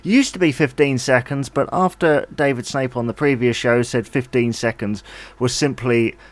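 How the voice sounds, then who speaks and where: A man's voice: mid-range voice, normal speed. A man hosting a podcast, introducing quiz rounds in an easygoing, casual way. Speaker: podcast host.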